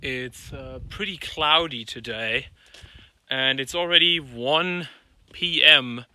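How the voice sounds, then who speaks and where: A man's voice: medium pitch, takes it slowly, sharp tone. A man hosting a travel vlog, talking casually in a wry, self-deprecating way. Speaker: vlog host.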